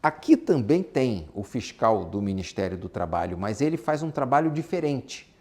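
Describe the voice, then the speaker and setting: A Brazilian-accented man teaches an informal lesson on exporting and business, speaking emphatically, repeating his points and asking rhetorical questions. His medium-pitched voice is very animated and darkish, at a normal speed.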